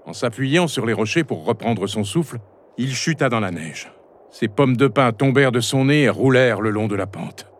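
Man, storybook narrator, expressive, lively melody, medium pitch. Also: normal speed. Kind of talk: children's storybook reading.

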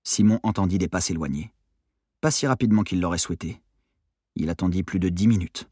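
A man reading an audiobook narration in a low, measured delivery. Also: mellow, breathy edge, no echo, studio quality.

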